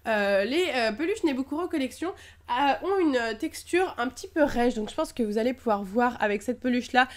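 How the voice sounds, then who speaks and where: A woman's voice: a little high, animated, a little fast. A young French woman chatting through an unboxing vlog, enthusiastic, with many fillers. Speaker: YouTuber unboxing Pokémon lottery prizes.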